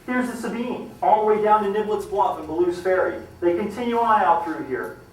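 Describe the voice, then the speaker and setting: A man's voice: a little fast, distant mic, slight background noise. Man, live historical storytelling, dramatic delivery, echoey room, faint background ambience. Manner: dramatic, acts out quoted lines with rising pitch and volume. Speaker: historical storyteller giving a talk.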